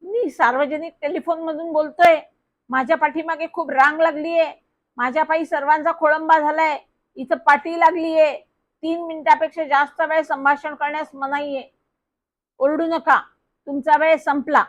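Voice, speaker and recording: A woman's voice: high voice, fairly even intonation, measured pace, long pauses, highs cut off. A woman voicing a flustered young boy protesting on a public telephone.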